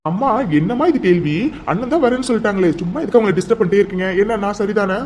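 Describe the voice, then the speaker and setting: A quick, easygoing young man in a homemade cartoon, played by a voice actor. He shrugs off fuss with light protests. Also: medium pitch, darkish tone, slight background noise, close to an everyday voice. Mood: breezy. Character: cheerful young man, the son.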